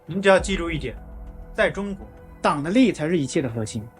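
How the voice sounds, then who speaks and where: A man's voice: fairly high pitch, expressive, fast talker, soft background music, natural voice. A man acting a bossy, patronising Chinese audition official with a lecturing, condescending manner.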